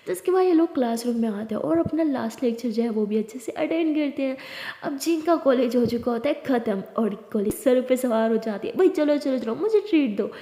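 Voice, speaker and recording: High-voiced chatty woman storyteller. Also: a little fast, dark tone. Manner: chatty, with conversational asides. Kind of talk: casual story narration. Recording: echoey room with long reverb.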